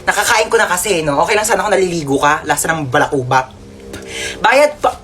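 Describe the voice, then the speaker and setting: A woman's voice: lowish voice, expressive, a little fast, a bit bright. A woman acting out sassy comedy skits, switching between characters with exaggerated delivery. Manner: sassy, exaggerated, playing many roles. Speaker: comedy skit creator. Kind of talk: comedic skit role-play. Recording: noisy home video.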